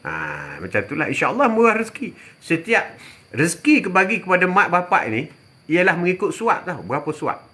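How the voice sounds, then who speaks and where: An older man from Malaysia giving religious advice on a live stream, answering viewers in a chatty way, repeating phrases and often dropping a quick "ha". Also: high-pitched, expressive, sharp tone. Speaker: religious teacher.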